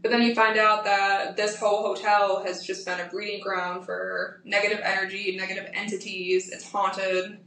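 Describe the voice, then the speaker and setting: A woman co-hosting a podcast, explaining and recounting in a steady, casual way with occasional fillers. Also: medium pitch, moderate pace, hardly any pauses. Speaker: podcast co-host. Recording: echoey room, distant from the mic, faint noise.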